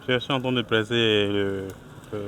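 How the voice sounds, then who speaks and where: A man's voice: lowish voice, steady tone, normal speed, a bit bright, slight background noise. A man from Togo, a cook who runs a small food business, answering interview questions outdoors in a hesitant way with many restarts. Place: outdoors at a street food stall in a city.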